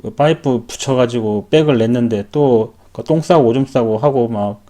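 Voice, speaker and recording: Rambling man with a dark voice. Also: mid-range voice, moderate pace. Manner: rambling, frequent self-corrections. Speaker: welder. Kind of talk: personal storytelling.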